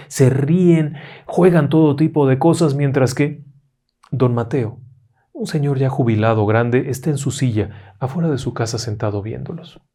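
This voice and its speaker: A man narrating ghost stories dramatically, dropping to a hush in tense moments. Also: medium pitch. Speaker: storyteller host.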